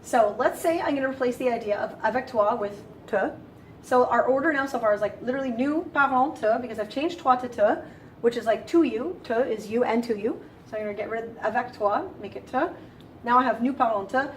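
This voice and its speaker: Woman teacher, kinda high voice, chatty and casual, restarts a lot, faint background hum. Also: brisk. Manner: chatty, restarts phrases, explains step by step. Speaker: French teacher. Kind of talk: casual explanatory lesson.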